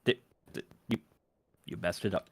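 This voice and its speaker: A man's voice: moderate pace, no room sound. A man in a casual chat while a game is played, talkative and opinionated about movies.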